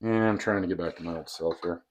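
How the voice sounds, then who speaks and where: A man's voice: low voice, fairly even intonation, fast talker. A man who is a bartender and podcast co-host, chatting in an easygoing, playful way while mixing drinks. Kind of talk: casual chat.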